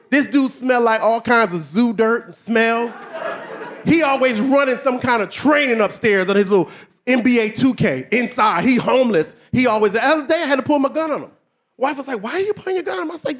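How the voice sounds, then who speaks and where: A man performing a stand-up comedy set on a club stage, telling stories animatedly and shouting his exasperated quoted lines. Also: very high-pitched.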